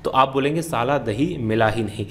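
A man's voice: medium pitch, normal speed. A man teaching an exam-prep grammar lesson, explaining step by step and asking and answering his own questions.

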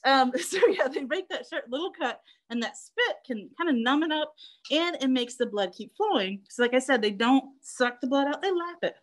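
A woman's voice: high-pitched, expressive, moderate pace, rough recording. A young woman zoo educator giving a live online lesson, chatty and playful, laughing often.

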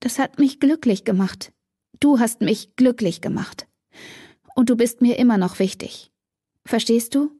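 A woman's voice: on the high side, moderate pace, warm tone, slightly rough, no echo, studio quality. A woman voicing an emotional teenage girl, tearful and torn, her voice rising and breaking.

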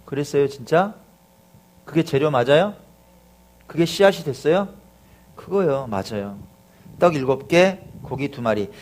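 Lively high-voiced pastor preaching a sermon. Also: male voice, measured pace, long pauses. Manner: animated, rhetorical questions to the congregation, acts out voices.

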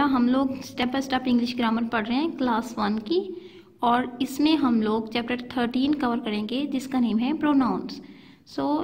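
High-voiced teacher woman explaining grammar. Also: a little mellow, in a large hall. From Pakistan. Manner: explains slowly, mixing English and Urdu, asks "theek hai?" often. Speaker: school teacher. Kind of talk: classroom grammar lesson.

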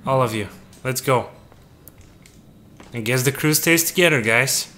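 A man's voice: mid-range voice, a little slow, pushed and bright. A man giving casual gameplay commentary, joking and talking to the game's characters as if they were his crew. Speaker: let's play gamer.

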